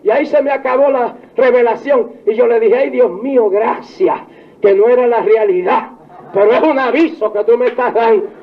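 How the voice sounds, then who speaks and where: An older man preaching a fervent old-time revival sermon, stretching his phrases and crying out hallelujahs. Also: very high voice. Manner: fervent, shouts hallelujahs, drawn-out emphatic phrasing. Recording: dull lo-fi archive tape with faint congregation.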